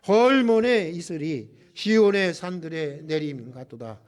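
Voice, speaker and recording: Brief: male pastor preaching, high voice, swings from loud exclamations to hushed lows, rhetorical questions. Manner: impassioned, swings between loud exclamations and hushed low passages; addresses the congregation with rhetorical questions. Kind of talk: sermon. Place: church.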